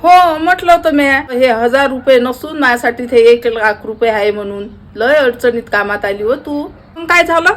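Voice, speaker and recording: A woman, performing a village comedy sketch in a loud, quarrelsome way that turns pleading. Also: sits high, moderate pace, soft background music.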